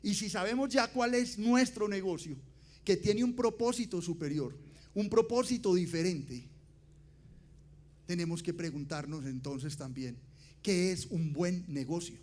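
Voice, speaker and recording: A man giving a motivational conference talk, asking the audience rhetorical questions and swinging between loud emphasis and quiet, dropped endings. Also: sits high, measured pace. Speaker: conference speaker.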